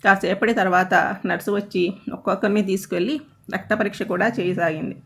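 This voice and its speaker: A woman storyteller reading a comic short story aloud in a steady, expressive way. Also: medium pitch, a little fast, creaky.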